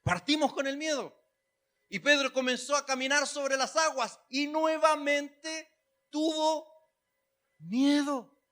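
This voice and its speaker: A man's voice: very high voice, fairly bright tone. A man preaching a sermon, chatty and humorous, then rising to emphatic calls. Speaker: pastor.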